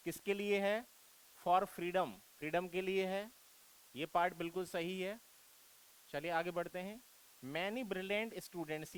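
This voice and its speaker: High-voiced Indian man teaching grammar. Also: smooth, poor audio. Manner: coaxing and repetitive, calls students "beta", asks rhetorical questions. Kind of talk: exam-prep grammar lesson.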